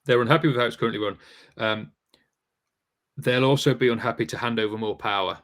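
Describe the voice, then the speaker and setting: A man's voice: medium pitch, fast talker, a bit bright. A man hosting a live online Q&A, reading out viewer questions in a conversational way with many fillers. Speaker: host. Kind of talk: live Q&A show.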